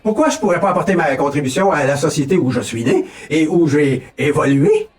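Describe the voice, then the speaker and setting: A man from Quebec with a Québécois French accent plays a pretend candidate delivering a folksy, mock-solemn comic campaign speech. He keeps tossing in a rising "ok, là?" and speaks briskly with lively intonation at a fairly high pitch. He sounds far from the mic.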